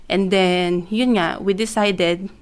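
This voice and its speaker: Speaking slowly in a lowish voice, a young woman from the Philippines tells a personal story on her casual vlog. She blends Tagalog and English, uses lots of fillers, and grows excited as she retells it.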